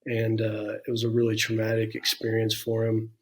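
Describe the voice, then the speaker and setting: Low and monotone, at a normal speed, this forties-aged man shares his personal story as an interview guest. He speaks frankly and thoughtfully, with plenty of "you know" and "um" scattered through the conversation.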